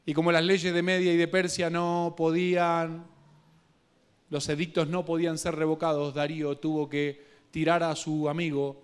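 Man, Guatemalan Spanish accent, sermon, slang-filled storytelling, hushed to loud, somewhat high voice. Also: smooth. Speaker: preacher.

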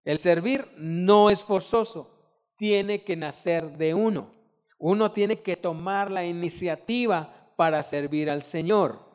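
A middle-aged man preaching a sermon, animated, acting out quotes and breaking into loud shouted bursts. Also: sits high, slow pace. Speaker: pastor. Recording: long hall reverb.

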